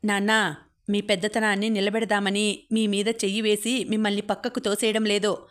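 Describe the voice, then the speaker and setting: A woman's voice: medium pitch, level tone, normal speed, lightly acted. A woman narrator voicing a young husband who sternly defends his wife against his father, in an audiobook. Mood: indignant.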